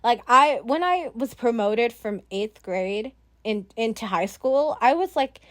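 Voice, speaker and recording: A woman's voice: a little high, animated, measured pace, fairly bright tone. A teenage girl hosting her own podcast, rambling casually with lots of fillers, giggles and self-deprecating asides. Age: teens. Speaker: podcast host. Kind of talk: casual solo podcast chat.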